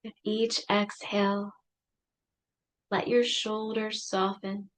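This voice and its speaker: A woman leading a guided meditation, speaking softly and soothingly with long pauses. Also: mid-range voice, flat delivery, low-quality recording.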